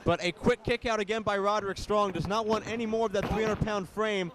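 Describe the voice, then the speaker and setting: A man's voice: high voice, fairly even intonation, brisk. A man working as a wrestling play-by-play commentator, calling the match live in emphatic, clipped phrases. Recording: noisy arena recording.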